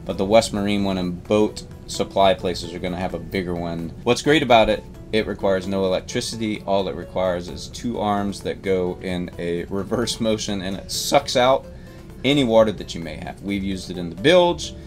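A relaxed man in his forties talks through his favorite boat gear from the cabin, his voice sitting on the low side. He rambles easily and seems amused at himself, with faint music running under the recording. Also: moderate pace. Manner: easygoing, rambling, self-amused. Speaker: boat captain and channel host. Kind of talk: casual product rundown. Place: inside a boat cabin with big windows.

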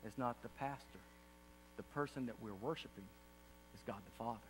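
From a podium on a large auditorium stage, a middle-aged pastor gives an earnest state-of-the-church address in a mid-range, fairly quick voice, building to impassioned emphasis. The recording is distant and reverberant, with a faint hum.

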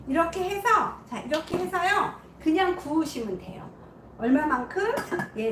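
A woman's voice: high voice, noisy background. A woman hosting a home cooking demonstration in a kitchen, chatty and often checking that viewers can see. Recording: echoey room, distant mic.

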